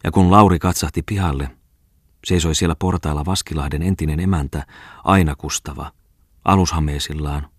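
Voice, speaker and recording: Low husky male reader, calm literary narration, dry close sound. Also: no room sound. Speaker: audiobook reader.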